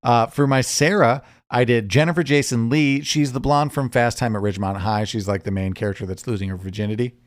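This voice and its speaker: A man's voice: mid-range voice, steady tone, brisk, few pauses, no room sound, clean studio sound. A man hosting a casual podcast chat, easygoing and leading the segments. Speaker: podcast host.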